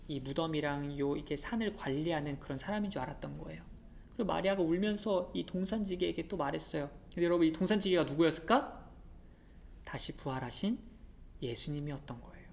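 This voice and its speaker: A woman teacher telling a Bible story to children in an animated, expressive way, often asking them questions. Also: low voice, a little hiss or hum.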